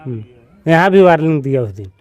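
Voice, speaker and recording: Shaken man halting through his account. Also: a little high, expressive, a little mellow, muffled recording. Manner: shaken, halting, repeating himself. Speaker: victim's brother, interviewee.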